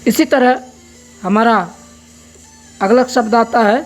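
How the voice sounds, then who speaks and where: Casting: woman teacher, higher voice, very slow and patient, faint music underneath. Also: fairly even intonation. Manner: patient, spells words out and explains step by step. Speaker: braille teacher. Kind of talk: slow spoken lesson.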